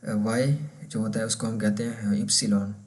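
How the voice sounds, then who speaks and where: A man with a Pakistani Urdu accent teaching a beginner German class, patiently explaining and repeating words slowly so learners can copy the pronunciation. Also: on the low side, level tone, a little mellow. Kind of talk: casual explanatory lesson.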